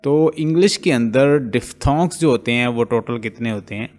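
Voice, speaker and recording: A man teaching an online phonetics lesson, explaining step by step and slowly drawing out example sounds. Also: mid-range voice, darkish tone. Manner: slow, explaining step by step, mixing English terms into speech; repeats and drawls out example sounds. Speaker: English linguistics teacher. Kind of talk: online lecture.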